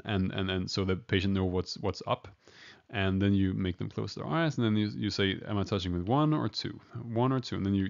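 A man's voice: deep voice, gravelly, darkish tone. A man giving an informal medical lecture, hesitant with many fillers and restarts. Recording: dull lo-fi recording.

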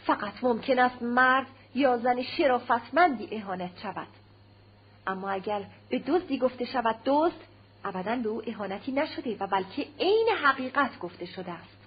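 Woman reader doing a stern aristocratic husband, harsh and commanding, slightly high voice, muffled audio, faint hum. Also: lively intonation, slightly rough. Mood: contemptuous. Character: stern cold aristocratic husband, middle-aged man.

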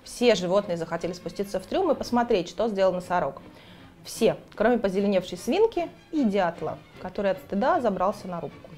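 A woman reading a children's book aloud, in an expressive storytelling manner. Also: medium pitch, fairly quick, faint music behind. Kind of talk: storybook narration.

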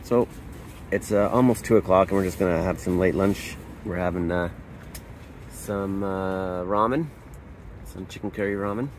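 A man from Canada giving a casual tour of his camping setup inside a hot tent, pausing often with uh and restarting sentences. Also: low voice, a little hiss or hum. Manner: halting, lots of uh and restarts. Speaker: camping vlogger.

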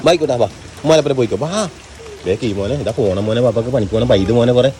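A man's voice: mid-range voice, lively intonation, very fast, warm tone, a little hiss or hum. A young father, coaxing his small children in a casual family vlog and repeating the same fond words over and over. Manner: sing-song coaxing, repeats "mone" and "va" over and over. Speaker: father vlogger. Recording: music playing behind the voice.

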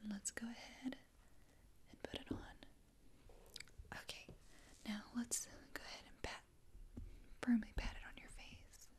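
A young woman in a whispered role-play as an attentive, reassuring spa attendant, speaking softly and close up. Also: fairly high pitch, fairly even intonation, a little slow, pauses often. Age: young adult. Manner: soft-spoken, attentive, reassuring customer-service talk. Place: small dim indoor room.

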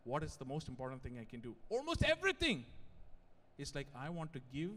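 A young adult man preaching a sermon as pastor, animated and prone to joking digressions. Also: on the high side, fairly quick. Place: large church hall. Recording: long church-hall reverb.

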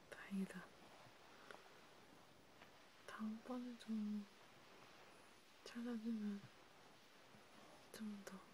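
In a breathy, whispery mid-range voice, the ASMR creator soothes one listener through a hand-massage roleplay. She pauses often and murmurs little acknowledgements in this soft, one-sided chat, with a steady hiss and ambient noise clearly audible behind her.

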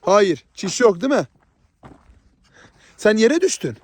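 A man's voice: high voice, big pitch swings, takes it slowly, slight background noise. A man from Southeast Turkey vlogging outdoors in a rural village, chatty and playful with a teasing manner. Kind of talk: casual vlog chat.

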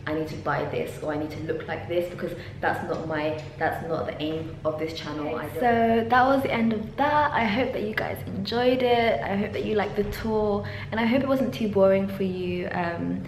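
Speaking at a normal speed in a mid-range voice, a PhD student from London chats animatedly in a casual vlog to camera, with many ums and laughs. She's indoors at a university office lab. The desk-mounted camera later becomes a handheld selfie shot, and the space is very echoey with a faint hum.

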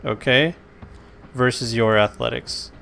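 A man's voice: mid-range voice, vocal fry. Casual game master man. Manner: casual, animated narration with quick rules calls. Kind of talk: narrating a tabletop game.

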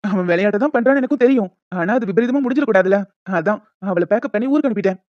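A woman voicing the husbands, brothers and a doctor in an animated family story, with brisk, reassuring delivery. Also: mid-range voice, dry recording, close to an everyday voice. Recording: dry, dull lo-fi home mic.

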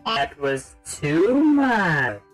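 A man speaks through a voice modulator that pushes his voice a little higher. He drags every word out slowly while he works out the device. Music plays clearly behind him. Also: big pitch swings, exaggerated voice. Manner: fumbling, unsure of his new gadget. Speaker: gamer playing with a friend. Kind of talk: casual let's-play chat.

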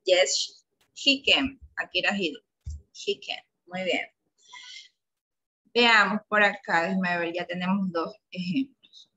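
Patient Ecuadorian woman teacher, bright voice. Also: fairly low pitch, slow, long pauses, low-quality recording. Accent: Ecuadorian Spanish. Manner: patient, coaxing questions to pupils. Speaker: primary school English teacher. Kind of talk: online class lesson.

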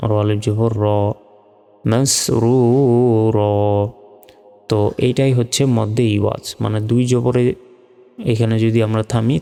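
A man teaching Quran reading, spelling out letters and vowel marks one by one and then reading each word slowly. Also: on the low side, creaky, warm tone, long reverb tail. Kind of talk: step-by-step spelling lesson.

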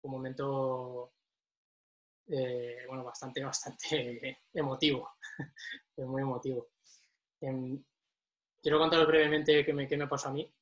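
A man's voice: mid-range voice, little pitch movement, measured pace, long pauses, a bit bright, highs cut off. A young man telling an emotional story in a casual chat, laughing often.

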